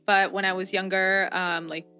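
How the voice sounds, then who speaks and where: A woman in her twenties from Southern California and Mexico talks as a guest in a relaxed interview. Her voice is bright and a little sharp, at a middle pitch. She is easygoing and leans on "like" and "um". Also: moderate pace, soft background music. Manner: easygoing, frequent "like" and "um" fillers, laughs often. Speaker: guest, volunteer. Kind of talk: casual interview chat.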